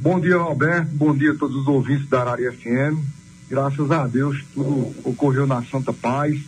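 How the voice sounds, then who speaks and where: A man's voice: mid-range voice, fairly even intonation, moderate pace, slight background noise, low-quality recording. A man, a council president speaking on the phone to a radio show in formal political talk with many hesitations. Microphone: phone line.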